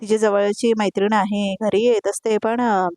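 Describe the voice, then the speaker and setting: A woman's voice: mid-range voice, level tone, moderate pace, darkish tone, no room sound, natural voice. A woman reading the lines of a suspicious woman who probes with pointed questions, in a dry recording. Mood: probing.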